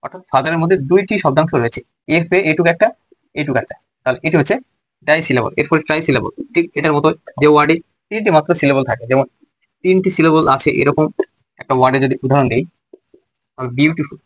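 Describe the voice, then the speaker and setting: A man teaching a basic grammar lesson, speaking slowly and repeating phrases as he works through examples. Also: on the high side, no echo, poor audio. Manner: slow, repeats phrases while writing examples.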